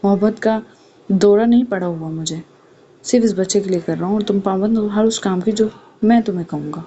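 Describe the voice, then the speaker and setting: A blunt, menacing young mafia man, as a woman narrator reads him, cold and domineering, in a low-key audiobook manner. The voice is mellow rather than sharp. A dull, lo-fi recording with a faint hiss sits under it. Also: natural voice. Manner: blunt and threatening.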